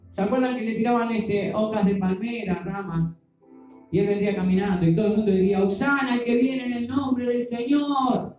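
A preacher with a mellow, mid-range voice tells a Bible story during a sermon, acting out the voices of its characters. The room is very echoey, and music plays behind him.

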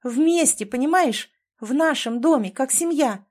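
A woman's voice: sits high, lively intonation, a little slow, darkish tone, voice pushed up. A woman reading an audiobook and voicing a strong-willed woman who argues insistently, with a steely edge in her voice. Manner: insistent, pleading and emphatic. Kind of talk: audiobook character voice.

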